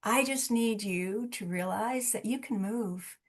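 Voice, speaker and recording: A woman leading a wellness session over a video call, with a calm, instructing manner, speaking directly to her listeners. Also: mid-range voice, slow. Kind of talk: guided relaxation and live workshop talk.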